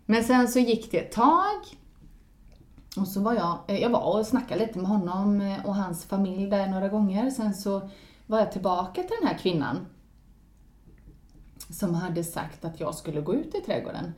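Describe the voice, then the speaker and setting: A woman in casual spoken storytelling who laughs often and swings into lively exclamations. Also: mid-range voice. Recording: roomy echo.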